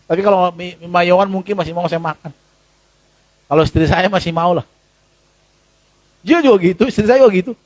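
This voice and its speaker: Speaking a little fast and pausing often, a male pastor with an Indonesian accent preaches a sermon in church without any echo in the audio. His conversational, animated delivery jumps to high exclamations and drops to low asides as he talks to the congregation.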